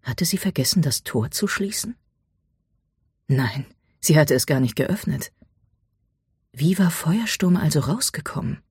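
Very husky, dry audiobook narrator voice. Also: mid-range voice, lively intonation, unhurried, pauses often, no echo. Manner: dramatic storytelling, drops to a hush for tense moments.

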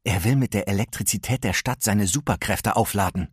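A man's voice: fairly low pitch, fairly quick, slightly rough, dry recording, clean studio sound. A man voicing a joking young superhero.

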